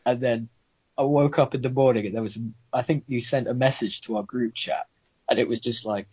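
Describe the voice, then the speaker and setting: A man's voice: mid-range voice, steady tone, a little fast, darkish tone, husky, dry recording. A young man with an Irish accent co-hosting a casual podcast, bantering and swearing freely. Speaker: podcast co-host. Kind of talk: casual chat. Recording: dull lo-fi dry sound.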